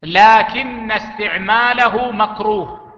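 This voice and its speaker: A man teaching an Islamic jurisprudence lesson, speaking deliberately and repeating key phrases for emphasis. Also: high-pitched, pushed and bright, a little hiss or hum. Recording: echoey lo-fi hall recording.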